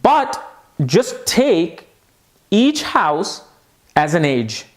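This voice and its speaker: A man's voice: sits high, sing-song, extremely slow. A man giving an explanatory video lesson on astrology, emphatic and enthusiastic, repeating points for emphasis. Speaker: astrology teacher.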